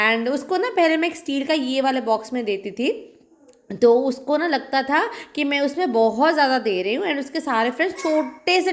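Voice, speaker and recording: A young woman with an Indian accent, chatting casually in a home vlog and mixing English phrases into her talk. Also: high voice. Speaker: vlogger and mother.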